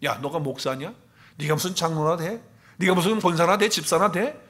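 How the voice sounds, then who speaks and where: A man's voice: fairly high pitch, moderate pace, fairly bright tone, close to an everyday voice. A man voicing a scornful, tempting inner voice that mocks the listener with taunting questions.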